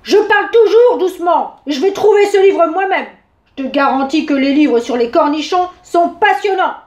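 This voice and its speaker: A woman voicing a big, grumpy male bear who grumbles and nearly shouts in a storybook reading. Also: sits high, lively intonation, moderate pace, echoey room. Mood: grumpy, loud. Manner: grumbling, raises voice to near shouting.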